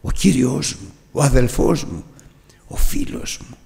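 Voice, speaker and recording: A man's voice: mid-range voice, vocal fry. Impassioned preacher man in a reverberant hall. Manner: impassioned preaching that swells to near-shouts. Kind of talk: sermon.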